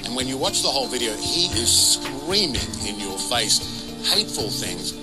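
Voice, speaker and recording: A man's voice: mid-range voice, very animated, normal speed, loud music behind the voice. A man interviewing a guest with intense, probing questions.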